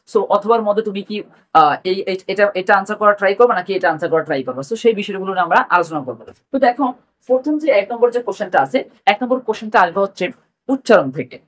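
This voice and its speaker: A man with a Bangladeshi accent teaching an exam prep lesson, repeating key points and mixing in English words. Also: high-pitched. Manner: rapid, repetitive, mixes English words.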